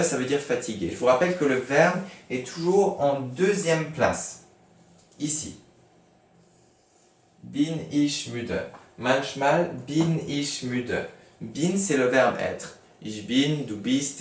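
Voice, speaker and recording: A man, teaching a remote German lesson to schoolchildren, explaining slowly and patiently with many fillers. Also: medium pitch, echoey room, far from the mic, a little hiss or hum.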